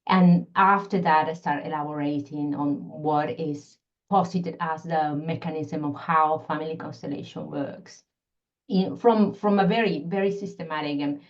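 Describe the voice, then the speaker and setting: Woman, Peruvian accent, low voice, thoughtful and explanatory, dull video call sound. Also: steady tone, normal speed. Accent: Peruvian Spanish. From Peru. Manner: thoughtful, explanatory, searching for words. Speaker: guest, constellation facilitator and scientist. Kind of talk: podcast interview.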